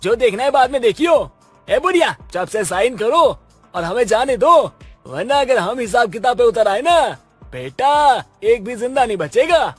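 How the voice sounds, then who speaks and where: Brief: man as a very high-voiced cartoon thug, bossy and cowardly, soft music behind. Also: very animated, moderate pace, breathy edge, exaggerated voice. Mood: menacing. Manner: threatening, then whining and yelping. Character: blustering male village goon, cowardly when beaten. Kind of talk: cartoon voice acting.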